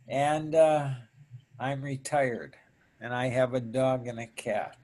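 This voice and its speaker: An older retired man from Virginia, speaking slowly and politely with hesitations on a faint, distant video-call line. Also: mid-range voice, fairly even intonation, a little mellow. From Richmond, Virginia. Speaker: retired student.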